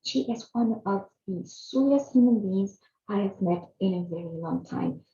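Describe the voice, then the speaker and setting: This woman, in her fifties and from Chile, sincerely narrates a personal video series she hosts. Her mid-range voice is warm and moves at a normal speed. Slight background noise sits in an echoey, somewhat dull room.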